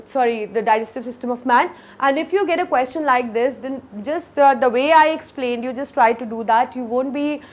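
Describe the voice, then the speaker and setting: Indian English woman teaching science. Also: on the high side. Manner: explains step by step, frequent fillers and self-corrections. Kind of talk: classroom lecture.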